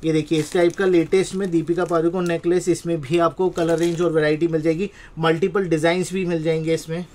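Indian man giving an emphatic sales pitch. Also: flat delivery, fairly quick, a little mellow. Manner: repetitive, emphatic selling patter.

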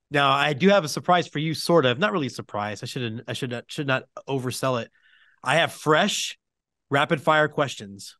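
A man's voice: medium pitch, bright, forceful tone, no echo. Man, podcast host, joking, self-deprecating, dry recording. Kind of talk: casual interview chat.

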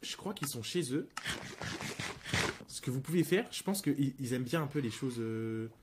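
A man's voice: medium pitch, expressive, normal speed. A man improvising a game role-play in conversation, politely and wordily explaining with some hesitation. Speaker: player acting as a police officer in a game role-play. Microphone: online game voice chat. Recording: clearly noisy voice chat with clicks.

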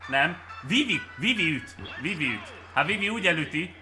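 A Hungarian man streaming a game with viewers, cheering and shouting at plays and then muttering to himself. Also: on the high side, lively intonation, faint music behind. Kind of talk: excited live game commentary.

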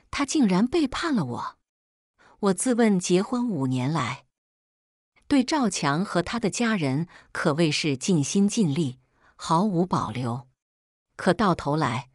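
A woman tells a first-person family drama in an expressive, dramatic read. Her voice sits fairly low but moves through a wide, lively range. It sounds dry and close to the mic. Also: no echo. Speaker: storyteller. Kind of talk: first-person story narration.

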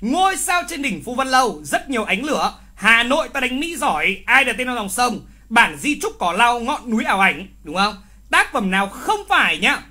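Very high-pitched and speaking at a normal speed, a man teaching literature runs a live online exam review full of teasing energy. He drives key words home through repetition and scolds wrong answers with exclamations.

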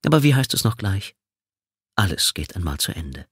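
A cold male killer taunts his victim down a phone line, unhurried and sneering, as a male narrator puts him on. The voice sits deep and low, recorded close and dry with no room around it. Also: sing-song, fairly bright tone, breathy edge, dry recording, full character voice. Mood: taunting.

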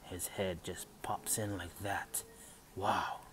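Chatty man unboxing a figure, low voice. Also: fairly even intonation, slow pace, fairly bright tone, a little hiss or hum. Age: adult, father of three. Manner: thinks aloud, unsure and chatty. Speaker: channel host. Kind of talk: casual unboxing vlog. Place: home room with Christmas tree. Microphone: phone camera.

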